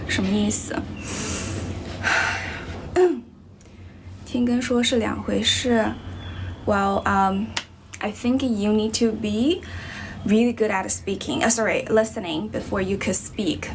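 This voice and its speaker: A young Chinese woman from Guizhou province chats casually on a livestream where she teaches English, answering viewers in a relaxed way full of fillers like "you know" and "um." Her mid-range voice carries a Chinese accent with a slight American tinge, and there's slight background noise.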